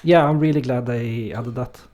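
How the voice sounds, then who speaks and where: This is casual let's-play chat from a Norwegian man whose mid-range voice keeps a normal speed. Relaxed and hesitant, he uses many fillers as he talks with viewers and reads the chat aloud.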